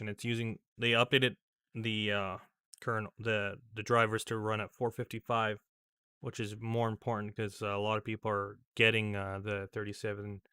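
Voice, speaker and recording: A man's voice: on the low side, sharp tone, clear, resonant tone, no echo, studio quality. A man giving casual, rambling commentary over a screen recording as a tech vlogger, with many fillers and restarts.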